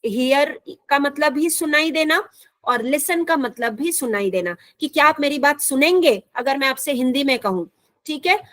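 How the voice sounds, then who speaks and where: High-voiced patient woman teacher. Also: lively intonation, fairly bright tone, no room sound. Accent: Indian English. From India. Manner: patient, repeats and rephrases often; slows down sharply to read English lines. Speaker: English teacher. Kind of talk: explaining a school English lesson in Hindi.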